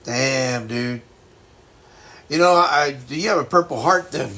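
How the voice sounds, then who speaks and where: A man in his sixties chatting casually as a livestream host, with a blocked-nose sound and a halting, reflective, folksy way of reassuring people. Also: mid-range voice, bright, forceful tone. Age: 60s. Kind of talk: casual chat.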